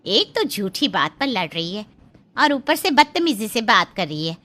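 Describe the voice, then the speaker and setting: A woman voicing a sharp-tongued middle-aged neighbor who trades sarcastic retorts in a cartoon. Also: mid-range voice, very animated, moderate pace.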